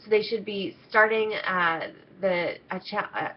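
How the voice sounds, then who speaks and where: A team coach leading an internship gives a chatty, upbeat video training talk with many ums, her medium-pitched voice nasal and congested as she comes down with a cold. She's unhurried, and the slightly dull lo-fi audio has a little hiss or hum.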